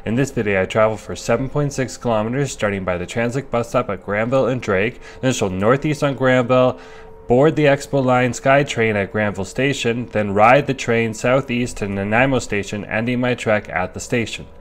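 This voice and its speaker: A man's voice: medium pitch, moderate pace. A man giving a casual narrated walking tour as a vlogger, talking through what is around him. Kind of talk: casual narrated city walk. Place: outdoors on a busy city street. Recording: clear street and traffic noise. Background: traffic, vehicles, city ambience.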